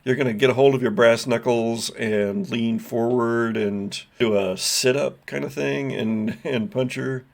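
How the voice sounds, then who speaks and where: Gravelly-voiced guy running a horror tabletop game, calm descriptive narration. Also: medium pitch, unhurried, few pauses. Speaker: game master.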